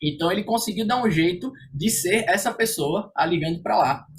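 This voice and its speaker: A man's voice: high-pitched, a little fast, slight background noise. Slangy casual male conference speaker. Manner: slangy, relaxed, many fillers.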